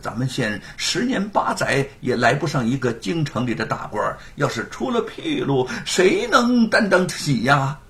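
A man's voice: medium pitch, very animated, normal speed, few pauses, a bit bright. A man voicing a young male county clerk who is out of breath, stammering out an urgent message.

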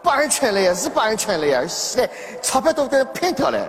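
A shrill, sly old Shanghai grandmother, as a man puts her on in a stage comedy sketch, with a Shanghai accent. She mocks and plays dumb in a very high voice that swoops widely. A long hall echo and an audience sit behind her. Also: big pitch swings, a little fast. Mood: mocking. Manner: mocking, feigns confusion, teases. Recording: reverberant hall with audience and noise.

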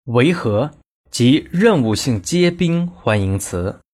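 A man reading scripted in-flight cabin announcements in a formal, measured announcer manner. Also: mid-range voice, expressive, a little mellow.

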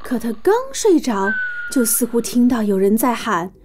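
A woman narrating a children's bedtime story with an animated, playful, expressive delivery. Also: on the high side, moderate pace, noisy background.

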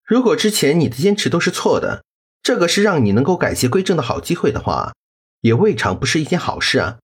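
Man voicing a teasing, probing young gentleman. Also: fairly high pitch, sing-song, fast talker, husky. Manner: teasing, questioning. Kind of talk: audiobook drama acting.

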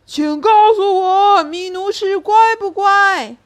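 A woman voicing a fierce, hungry male circus lion, roaring in slow, drawn-out shouts. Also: high voice. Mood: menacing.

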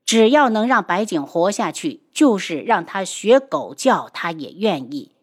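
Remorseful young male healer, faint and husky, in an audiobook, played by a woman. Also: mid-range voice, very animated, unhurried. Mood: resigned.

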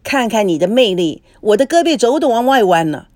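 A woman voicing a flirtatious, smooth-talking middle-aged man in a storybook reading, with a wheedling, glib manner. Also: fairly high pitch, big pitch swings, fairly quick, darkish tone, no room sound, clean studio sound. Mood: flirty, glib.

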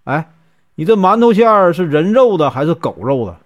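A man's voice: a little high, sing-song, moderate pace, highs cut off. A man voicing a bold, fearless hero who speaks bluntly and curtly. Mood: probing. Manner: blunt, curt.

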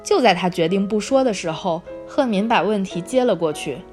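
A woman's voice: medium pitch, a little fast. Woman reading aloud with faint music. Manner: reads aloud then reflects calmly. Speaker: podcast host. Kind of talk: book club reading and commentary.

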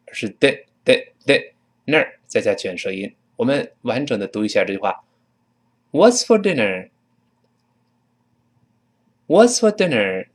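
A middle-aged man with a Mandarin Chinese accent teaching spoken English, jumping higher in pitch whenever he models the English phrases. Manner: lively, rises high when modeling English phrases.

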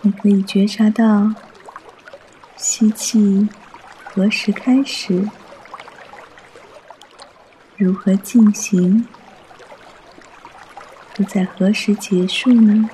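Male meditation guide: soft, soothing, mellow delivery at a very slow pace, trickling water behind. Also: high-pitched, flat delivery, a little hiss or hum.

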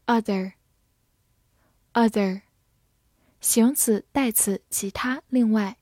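A woman teaching English vocabulary in a scripted lesson, reading each word twice and then its meanings in an even way. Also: fairly high pitch, no room sound, clean studio sound. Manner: slow, even reading of words and definitions.

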